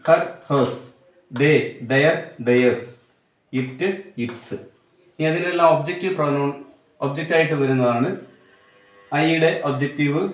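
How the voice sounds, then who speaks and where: Slow Malayali-accented male grammar teacher. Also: fairly high pitch. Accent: Malayali English. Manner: slow, deliberate explaining, mixing English terms into Malayalam. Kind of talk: grammar lesson. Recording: echoey room, dull lo-fi sound.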